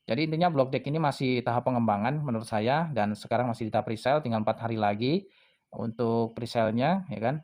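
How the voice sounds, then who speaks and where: Running a crypto channel, a man talks fast in a mid-range, darkish voice as he casually walks viewers through a project website on screen. His commentary is chatty and filler-heavy, and he addresses viewers as friends.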